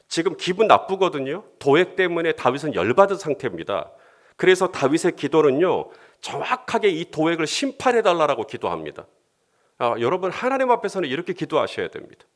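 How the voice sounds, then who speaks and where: A man pastor giving a conversational sermon, sometimes voicing heartfelt prayers with rising emotion and leading the congregation in reading scripture. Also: on the high side.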